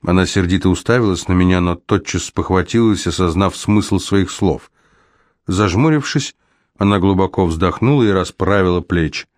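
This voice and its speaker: A man with a very low voice reads fiction in the first person. His delivery is measured and even. The recording is dry and close, with no room sound. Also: dry recording. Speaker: audiobook narrator.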